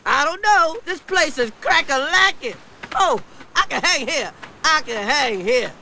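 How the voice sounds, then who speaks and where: A man voicing an easygoing, excitable male animal in an animated comedy film, talking in upbeat slang. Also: very high-pitched, a little slow, slight background noise, heavily acted. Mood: carefree delight.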